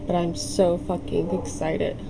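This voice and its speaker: A woman hosting a let's play, switching between excited, casual, sweary reactions and reading the story aloud, with soft, mispronounced R's. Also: lowish voice, unhurried, creaky, noisy background. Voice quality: non-rhotic speech impediment, soft R's. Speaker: gaming host. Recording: loud music behind. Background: game music.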